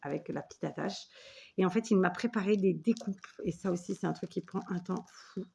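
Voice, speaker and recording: A woman's voice: lowish voice, brisk, creaky, darkish tone, slightly rough. Chatty, enthusiastic French craft vlogger woman. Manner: chatty, enthusiastic, effusive thanks. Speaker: scrapbooking video host. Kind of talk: casual unboxing chat.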